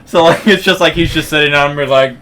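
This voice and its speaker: A man co-hosting a podcast, throwing in deadpan crude jokes in casual chat. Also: a little high, a little fast, slight background noise. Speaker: podcast co-host. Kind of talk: casual movie review chat.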